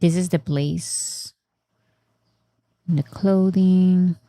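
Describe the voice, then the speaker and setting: Low-voiced woman reacting casually. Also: fairly even intonation, drawn-out words, dark tone, dry recording. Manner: chatty, thinks aloud, reads chat comments and answers them. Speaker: reaction channel host.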